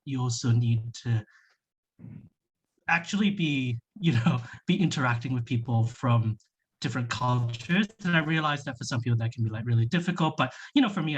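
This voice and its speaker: A young man from Malaysia talks through a laptop webcam on a video call. His voice is a little husky, and he rambles with plenty of fillers and restarts. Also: medium pitch. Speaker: workshop participant. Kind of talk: casual discussion on a video call.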